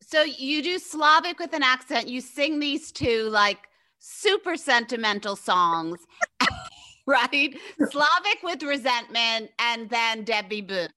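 Slow, bright-voiced woman host. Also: sits high, animated. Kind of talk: interview questions.

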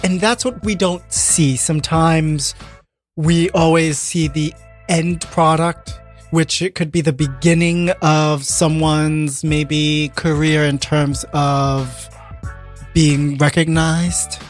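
A man's voice: fairly high pitch, fairly even intonation, slow, soft background music. A man hosting a radio show in a studio, interviewing guests with playful, teasing questions.

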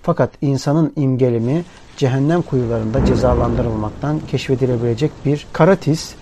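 A man reading a first-person literary story aloud in a measured, grave narrating voice. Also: mid-range voice, background noise. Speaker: audiobook narrator. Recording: rain and thunder ambience under voice. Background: rain and thunderstorm sound bed.

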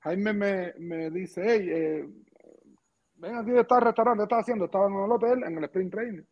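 A middle-aged man with a Cuban accent, a former pitcher telling anecdotes casually in an interview, slangy and lively, acting out the dialogue. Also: normal speed. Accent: Cuban Spanish. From Cuba. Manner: lively storyteller, slangy asides, acts out dialogue. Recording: muffled lo-fi podcast audio.

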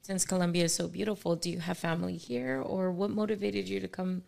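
A woman's voice: lowish voice, fairly even intonation, a little fast, creaky, darkish tone. A woman co-hosting a podcast, asking curious questions in a casual interview.

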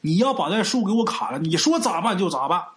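Cursing village chief, pushed high and blustery, played by a male storyteller. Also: very animated, moderate pace. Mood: blustering. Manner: shouting, cursing, table-slamming bluster. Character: blustering foul-mouthed middle-aged village chief.

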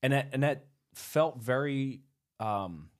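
A man's voice: mid-range voice, expressive, slow pace. A man in his mid-thirties co-hosting a podcast, rambling through casual chat, laughing often and swearing loosely. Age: 30s. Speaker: podcast co-host.

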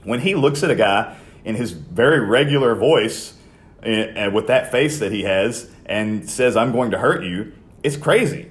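Lowish-voiced man hosting a wrestling podcast. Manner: conversational, lots of fillers and restarts. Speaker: podcast host. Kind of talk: casual podcast talk.

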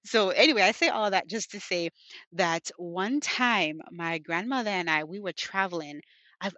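Her pitch sits fairly low with a touch of brightness, captured in a dry, muffled recording. An impassioned podcast host from the U.S. who spent some of her childhood in Jamaica, she mixes prayer with personal storytelling, often repeating thanks and "God" and chatting with frequent "you know" fillers.

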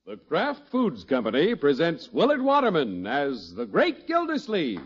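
A man's voice: a little high, wildly swooping pitch, a little slow, very noisy. An American man announcing in the emphatic, showman-like style of an old radio announcer, reading scripted sponsor copy and narration. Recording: muffled vintage radio recording, music behind.

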